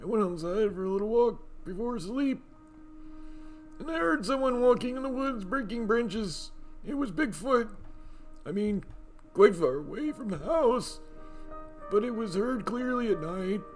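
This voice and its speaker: A man voicing an older husband in a game, with a put-on gravelly old man voice that sits higher than his own. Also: expressive, measured pace, soft background music. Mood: recounting.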